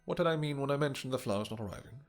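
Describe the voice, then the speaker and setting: A man playing a possessive, doting vampire king in a romantic fantasy roleplay, speaking in courtly, old-fashioned phrases with hesitant pauses and endearments. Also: mid-range voice, lively intonation, faint music behind, pitched above the performer's own voice, close to an everyday voice. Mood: menacing, wounded. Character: doting, possessive, vengeful male vampire king with horns and wings.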